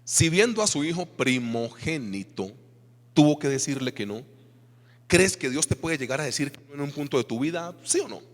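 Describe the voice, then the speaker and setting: A pastor with a Colombian Spanish accent preaches a sermon in a reverberant church hall, animated and throwing rhetorical questions to the congregation. His voice is on the high side, and he speaks at normal speed.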